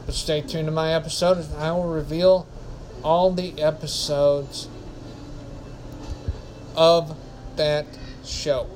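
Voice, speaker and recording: A man's voice: on the high side, little pitch movement, slow, pauses often, a little mellow, a little hiss or hum, rough recording. A man hosting a casual solo podcast, rambling and often correcting himself. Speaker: podcast host.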